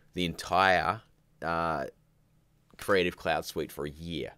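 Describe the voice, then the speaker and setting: Deep-voiced man chatting on a livestream. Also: a bit bright, dry recording. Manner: rambling, chatty, reads out viewer comments. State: groggy morning voice. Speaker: livestream host. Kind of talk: casual livestream chat.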